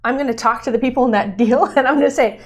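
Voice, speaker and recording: A woman's voice: high-pitched, racing. A woman co-hosting a podcast, talking frankly and casually, with plenty of fillers. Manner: chatty, frank, with many fillers. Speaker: podcast co-host.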